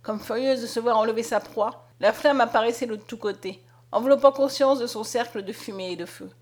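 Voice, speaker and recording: A woman narrating a story aloud in a dramatic, expressive reading. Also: fairly high pitch, a little fast. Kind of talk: scripted audiobook narration.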